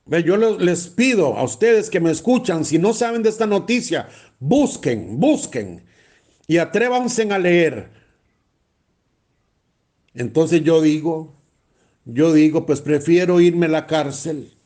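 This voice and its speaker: Priest going slow and heavy, mellow voice, hammers the same words over and over. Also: male voice, a little high, animated. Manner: blunt, emphatic, repeats phrases for stress. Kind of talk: sermon.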